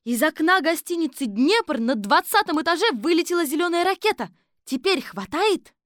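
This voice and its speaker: A woman voicing an eager young female detective assistant in an audiobook, reporting excitedly. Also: high voice, normal speed, no room sound, clean studio sound, pitched above the performer's own voice. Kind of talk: audiobook character voice.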